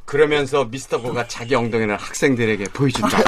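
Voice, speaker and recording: A man's voice: medium pitch, fast. A man narrating a comedy sketch, reading out comic stage directions as co-host. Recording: noisy recording with clicks.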